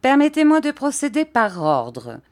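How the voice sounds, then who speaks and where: A woman voicing a boastful, pompous English detective, a man of about thirty, with a formal, self-important way of speaking in a slow storybook reading. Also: high voice, wildly swooping pitch, a little mellow, voice pushed up, full character voice.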